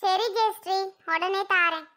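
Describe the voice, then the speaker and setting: A gentle, meek little girl in a cartoon, voiced by a woman. She answers softly and politely, her voice very high and bright. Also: steady tone, unhurried, heavily acted. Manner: soft, yielding, polite. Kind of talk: cartoon voice acting.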